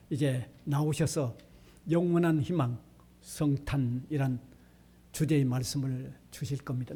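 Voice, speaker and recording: A man giving a polite, measured introduction of a guest preacher at a university church service. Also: medium pitch, mellow, slightly rough.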